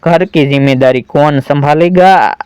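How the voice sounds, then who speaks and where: A man's voice: a little high, measured pace, darkish tone, clear, resonant tone, dry recording, lightly acted. A man voicing a stern, controlling older mother-in-law in a spoken story, reading her lines plainly. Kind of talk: storybook narration.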